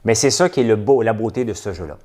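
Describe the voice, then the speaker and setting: A man's voice: on the low side, expressive, fast, darkish tone. A man with a Québécois accent hosting a casual livestream chat, rambling and stop-start with lots of hesitations. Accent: Québécois French. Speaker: livestream host.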